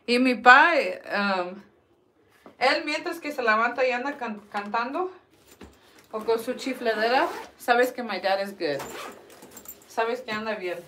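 Young woman vlogger, somewhat high voice, jokey and bilingual. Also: lively intonation, slow, pauses often, pushed and bright, slight background noise. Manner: joking, switches between Spanish and English. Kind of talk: casual chat.

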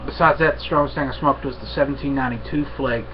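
A young man chatting casually to camera at home in an unhurried, halting, rambling way. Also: mid-range voice, fairly even intonation. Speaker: vlogger, pipe smoker. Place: small room at home, indoors. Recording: dull webcam audio with faint noise.

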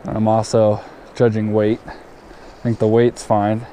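A man's voice: fairly low pitch, monotone, a little slow, warm tone, a little hiss or hum. A young man vlogging as he fly fishes a river, casually explaining where and how he casts. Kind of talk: casual outdoor vlog narration. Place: outdoors on a river. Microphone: action camera.

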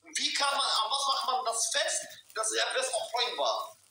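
A man's voice: very high voice, animated, moderate pace, pushed and bright. A young man hosting a livestream by phone, talking casual slang and repeating himself for emphasis. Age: young adult. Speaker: livestream host. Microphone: phone on a video call. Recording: roomy echo, faint noise.

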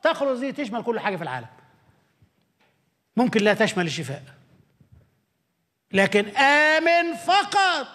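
A man with an Egyptian Arabic accent preaching a Bible study sermon, moving from soaring emphatic lines to hushed asides. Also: sing-song, a little fast, pauses often. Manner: dramatic, swings between soaring high emphasis and hushed low asides; acts out God's voice answering the doubter. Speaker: pastor.

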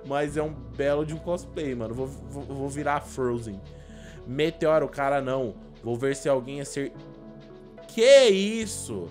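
A young Brazilian man giving casual, slangy reaction commentary as a gaming YouTuber, expressive and prone to exclaiming. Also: mid-range voice, moderate pace, faint music behind. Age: young adult. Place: small indoor room at a desk.

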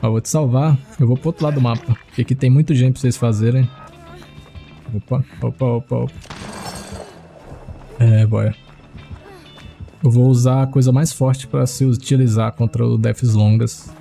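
Man, gravelly voice, mellow tone, excitable gameplay commentary. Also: fairly quick, faint music behind. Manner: excitable, talks to viewers as boys, swings into high-pitched yelps when panicked. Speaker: streamer playing a horror game.

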